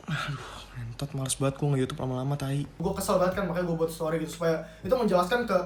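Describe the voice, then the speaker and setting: A man's voice: fairly high pitch, lively intonation, far from the mic. A young man with Jakarta slang, ranting angrily and swearing a lot in a commentary vlog. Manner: angry, profane, rapid ranting. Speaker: YouTuber. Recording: roomy echo, slightly off-mic.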